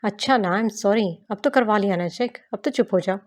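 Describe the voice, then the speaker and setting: A woman's voice: mid-range voice, lightly acted. A woman voicing a playful, teasing young husband while reading a novel aloud.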